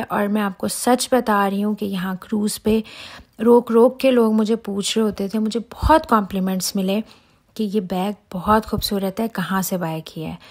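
A woman in her thirties chatting to viewers in a casual travel vlog, recorded outdoors on a cruise ship deck with a handheld phone. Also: medium pitch. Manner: chatty, excited, talks to viewers directly. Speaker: vlogger.

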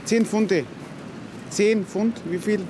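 A man's voice: high voice, steady tone, slow, noisy background. A man in his fifties with a Styrian Austrian accent, a carpenter chatting casually and repeating himself, in city streets and on a train. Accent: Styrian Austrian German. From Austria, near Graz. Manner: chatty, repetitive, exclaims "ein Wahnsinn". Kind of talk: casual chat, broken simple phrasing to foreigners.

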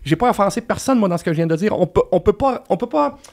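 Québécois male guest, quick and emphatic, lively delivery, casual swearing. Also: high voice, vocal fry. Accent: Québécois French. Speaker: guest novelist. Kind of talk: casual podcast chat.

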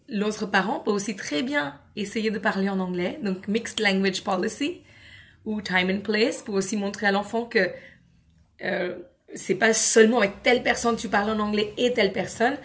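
A woman with a French accent gives a calm lesson to parents. She explains methods step by step, clearly and patiently, and often stops to model simple English words. Her voice sits at an ordinary middle pitch. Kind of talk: explanatory teaching talk.

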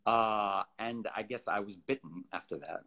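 A man in his thirties from Kenya, a theater director, telling stories in a relaxed way with frequent ums and likes over a video call from home. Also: fairly low pitch, normal speed. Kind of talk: casual video-call interview. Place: home room with bookshelves. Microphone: laptop webcam on video call.

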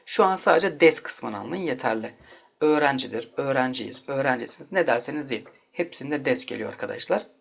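Gravelly-voiced man teaching a lesson. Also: medium pitch, lively intonation, brisk. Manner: explains patiently, addresses viewers as friends. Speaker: language teacher. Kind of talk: online video lesson. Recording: dull lo-fi audio.

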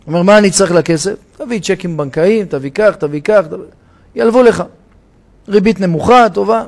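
Rabbi preaching in a synagogue, highish voice, gets loud and dramatic telling a story. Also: male voice, vocal fry. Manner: dramatic storytelling, shouting the parable's cries for help. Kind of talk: sermon.

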